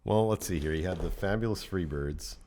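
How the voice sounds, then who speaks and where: Easygoing low-voiced man, chatty co-host. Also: a little fast. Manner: animated, laughing, mumbles while looking things up. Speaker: podcast co-host. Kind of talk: casual chat.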